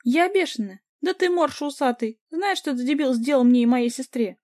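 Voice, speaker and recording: A woman voicing a furious young woman in a cafe brawl, yelling shrill insults. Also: normal speed, dry recording, studio quality, natural voice.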